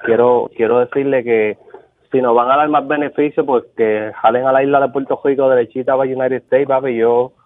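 A man's voice: medium pitch, steady tone, a little fast, slight background noise. A man calling a radio show, chatting casually and familiarly in slang, with hesitant starts. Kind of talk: casual call-in chat. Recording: muffled lo-fi telephone call.

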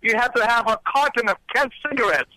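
Bright, high-voiced man from Romania on a phone line. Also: fast talker, no room sound. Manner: earnest, tells a personal story. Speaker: caller. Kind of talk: call-in radio phone call.

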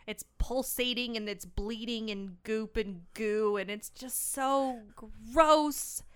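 Expressive woman podcast co-host, smooth voice. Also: a little high. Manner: lively, expressive, quick to laugh. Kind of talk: casual film discussion.

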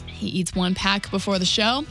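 A woman chats as a radio co-host with a bright, forward voice at a middle pitch. Her delivery is playful and expressive, like casual studio banter. A light music bed sits behind her. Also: normal speed.

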